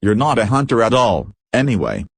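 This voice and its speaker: A man's voice: mid-range voice, sing-song, brisk, breathy edge, no room sound, clean studio sound. A man reading the part of a hot-tempered, fussy older landowner father in a play. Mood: scornful.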